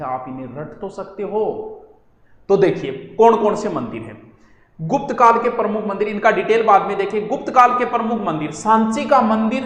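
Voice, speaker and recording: A man's voice: high voice, reverberant, big-room sound. A man teaching an exam-coaching lecture, who keeps asking questions and then answering them himself. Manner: lively, asks and answers his own questions.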